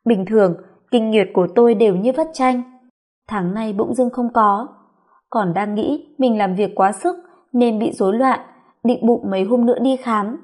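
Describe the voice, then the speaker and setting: A woman's voice: a little high, mellow. A woman narrating a first-person audio story in a confiding, reflective way.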